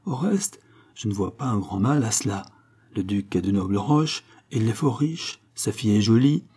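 A man's voice: on the low side, expressive, moderate pace, dark tone, breathy edge. A man reading the part of a kind, teasing young nobleman in an audiobook.

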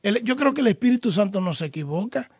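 Male pastor-host, patient teacher type, high-ish husky gravelly voice, dry close sound. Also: animated, quick pace, no echo. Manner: patient, explanatory, teaches with homely examples; addresses the caller formally as brother. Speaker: pastor hosting a call-in program. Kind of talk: radio call-in Bible questions and answers.

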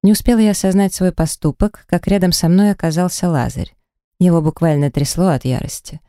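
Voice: mid-range voice, brisk, dark tone, no room sound. A narrator reading a first-person romance audiobook dramatically and expressively into a close mic.

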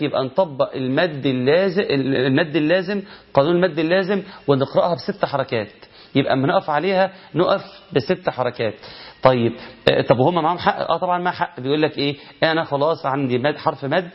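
A man's voice: fairly high pitch, muffled recording. Egyptian man teaching Quran recitation rules. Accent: Egyptian Arabic. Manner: explains with rhetorical questions, chants verse examples slowly. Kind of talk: tajweed lesson.

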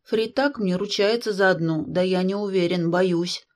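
A woman's voice: on the low side, moderate pace, a little mellow, natural voice. A woman reading aloud, voicing a stern, jealous young army officer who grumbles. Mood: gruff. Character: gruff jealous young male hussar.

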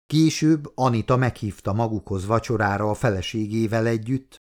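A man reading a novel aloud as audiobook narrator, in calm, even storytelling. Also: on the low side. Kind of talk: scripted narration.

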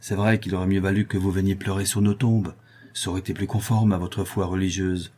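A man voicing a cunning, cool-headed craftsman in a spoken storybook, with a calm, mocking manner. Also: fairly low pitch, brisk, slightly rough. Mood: sardonic calm. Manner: sardonic, calm.

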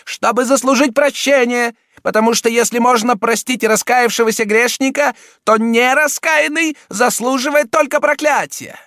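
A man voicing a wrathful, scheming elderly Italian cardinal who shouts and hectors. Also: extremely high pitch, moderate pace, few pauses, dry recording, studio quality, pitched above the performer's own voice. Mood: furious.

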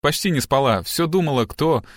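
A man voicing a distraught, sharp-tongued middle-aged wife and mother in an audiobook, with sharp, agitated outbursts. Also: fairly high pitch, expressive, moderate pace, dry recording, clean studio sound, natural voice. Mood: fretful.

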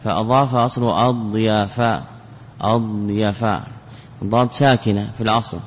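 A man's voice: on the low side, steady tone, moderate pace, a little hiss or hum. Man teaching grammar in an echoing hall. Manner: explanatory, asks and answers his own questions; repeats and restarts words while explaining. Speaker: sheikh teaching Arabic grammar. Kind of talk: classical Arabic grammar lesson.

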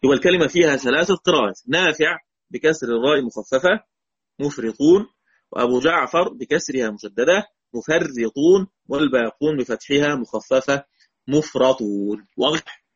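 A man's voice: mid-range voice, a little fast, fairly bright tone, husky, lo-fi sound. A man with an Egyptian accent teaching a recorded lesson on Quranic readings, patiently repeating key words and quizzing his students. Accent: Egyptian Arabic.

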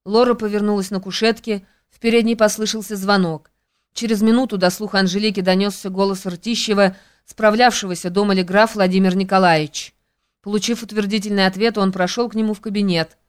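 A woman reading a classic novel as audiobook narration, in an even, measured way. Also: mid-range voice, clear, resonant tone. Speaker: audiobook reader.

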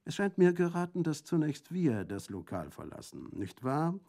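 A sly, jovial bandit drops knowing, mocking remarks, as a male reader puts him on. His voice rides higher than the narration. It is an audiobook reading. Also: sing-song, normal speed, mellow.

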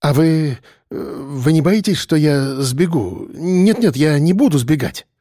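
A man's voice: a little high, animated, unhurried, dark tone, dry recording, clean studio sound. A man voicing a cowardly middle-aged doctor who babbles timidly and fawns.

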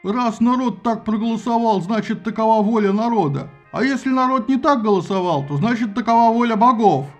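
A man voicing a cheeky, mocking bearded male warrior who heckles loudly in an audiobook. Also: sits high, animated, a little fast, few pauses, faint music behind, voice pushed up. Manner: mocking, sly, loud. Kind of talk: audiobook character voice.

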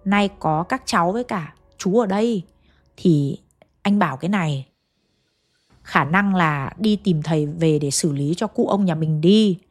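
A woman's voice: on the low side, a little slow, faint music behind, voice pushed down. A woman voicing a hot-tempered middle-aged man, the family's eldest son, in a ghost story. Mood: weary. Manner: shouting, threatening.

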